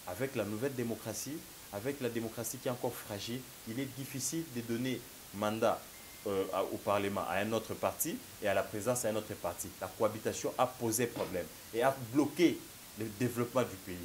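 Speaking a little fast in a voice on the low side, this political analyst debates emphatically on a talk show, gesturing and saying "mon cher ami" again and again. He's in his thirties, has a Congolese French accent, and is nursing a slight cold. The low-quality lapel recording carries a faint hiss.

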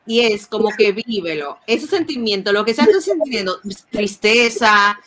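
A woman's voice: mid-range voice, big pitch swings, normal speed, fairly bright tone, a little hiss or hum. Emphatic Dominican woman, slangy chat. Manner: emphatic, repeats words, slangy. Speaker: podcast co-host. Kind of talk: casual chat.

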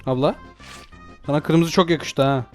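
A man's voice: fairly high pitch, measured pace, faint music behind. A young man doing jokey let's play commentary, panicking, yelping for help and joking at the game. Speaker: gaming YouTuber.

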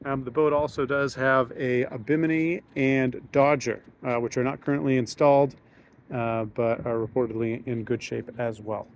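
A relaxed man gives a spoken tour of a docked sailboat, recorded on a handheld phone as he walks around. His voice sits at an ordinary middle pitch. He talks casually and fills his pauses with ums and uhs. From United States. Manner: relaxed, thinks aloud with frequent ums and uhs. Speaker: yacht salesman giving a boat tour. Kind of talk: casual walkthrough narration. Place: aboard a docked sailboat, outdoors then in the cabin.

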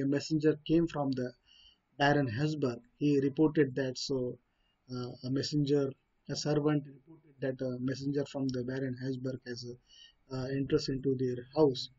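A man's voice: medium pitch, flat delivery, moderate pace, dark tone, husky. A man with an Indian English accent reads a story and explains it in his own words, hesitating often with fillers and restarts. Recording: dull lo-fi recording.

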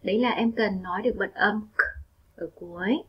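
A woman with a Vietnamese accent teaching English vocabulary to children, repeating each word slowly and clearly and stressing its syllables. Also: mid-range voice, lo-fi sound.

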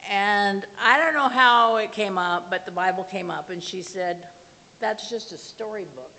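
Slow earnest older woman in church hall. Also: mid-range voice, sharp tone. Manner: earnest, plainspoken, with slow measured phrasing. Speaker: lay speaker giving a testimony. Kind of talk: personal testimony and prayer in a church service. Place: small church sanctuary, at a pulpit. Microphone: far camera from the back of the room. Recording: reverberant church hall with faint hiss.

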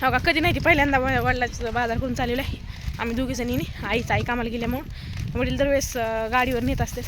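Fast-talking high-voiced Marathwada vlogger woman. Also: fairly even intonation. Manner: teasing, scolding banter. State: tired from carrying a heavy bag. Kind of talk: casual vlog chat while walking. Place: outdoors on a road on market day. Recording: noisy outdoor street recording.

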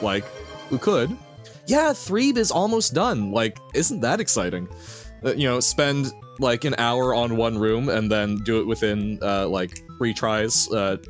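A man livestreaming a game and chatting with viewers, chirpy and playful, with little sound words and exclamations. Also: mid-range voice. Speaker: live streamer. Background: game music.

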